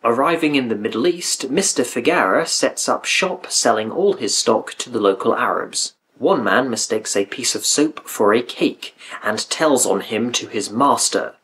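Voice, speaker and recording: A man's voice: mid-range voice, a bit bright. A man reading scripted review narration with dry, critical asides. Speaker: video essay narrator.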